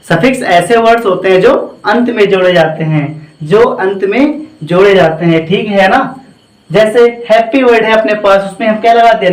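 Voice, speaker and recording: High-voiced man teaching English grammar. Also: reverberant, rough recording. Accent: Indian English. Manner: repeats and quizzes the class with questions. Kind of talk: classroom lecture.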